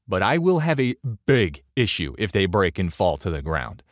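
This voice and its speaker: A man's voice: low-pitched, no room sound, studio quality. A man narrating a story in a sarcastic, exasperated way.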